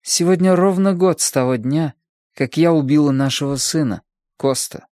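A man's voice: on the high side, normal speed, a little mellow, no room sound, studio quality, pitched above the performer's own voice, lightly acted. A man voicing a bitter defiant wife. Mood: taunting. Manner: taunting, then pleading. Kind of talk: audiobook character voice.

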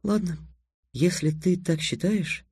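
A man voicing a teasing, practical young girl companion in a soft, quiet voice. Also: high voice, takes it slowly, slightly rough, dry recording, pitched above the performer's own voice, heavily acted.

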